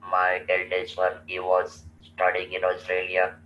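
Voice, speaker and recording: Slow and deliberate, an Indian man in his sixties shares his own story as a guest, his low voice holding a flat monotone. He often halts and begins again. The audio is muffled and distant, with a roomy echo and faint noise.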